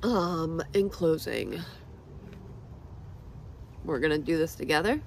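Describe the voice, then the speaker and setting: A woman's voice: low voice, lively intonation, slow pace, creaky, a little hiss or hum, rough recording. A woman in her thirties talking through an emotional personal vlog, rambling and self-deprecating, close to tears. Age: 30s. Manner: rambling, tearful, self-deprecating, with nervous laughs. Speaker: vlogger.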